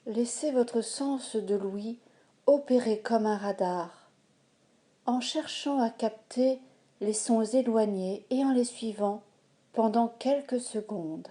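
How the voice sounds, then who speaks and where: Her voice sits on the high side as she leads listeners through yoga nidra. The woman gives her instructions calmly and soothingly, pausing often and keeping a measured rhythm.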